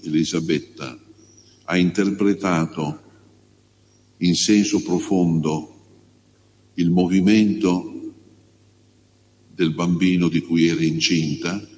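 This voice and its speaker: A man, a priest, reading the gospel and preaching a homily in a slow, measured, pausing way. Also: deep voice, a little mellow. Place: church. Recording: long church reverb, faint hum.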